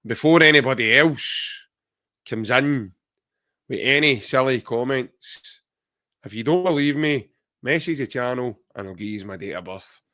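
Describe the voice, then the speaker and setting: Scottish podcast co-host, forties, mid-pitched, jokey banter with viewers. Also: male voice, a little slow, pushed and bright. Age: 40s. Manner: chatty, jokey, reads out viewer comments. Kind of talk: casual chat.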